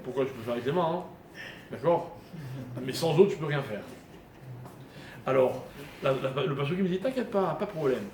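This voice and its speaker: In a live Torah lesson before a small room audience, a rabbi speaks at normal speed in an expressive, medium-pitched, slightly mellow voice, pausing often. He works through Hebrew grammar step by step and quizzes listeners, and the room recording is echoey with faint noise.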